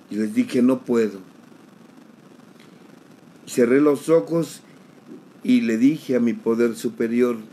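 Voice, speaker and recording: A middle-aged man, giving an emotional personal testimony at a recovery group, slowly, repeating phrases for emphasis. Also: a little high, dark tone, slight background noise, poor audio. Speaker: sharer at a recovery group meeting.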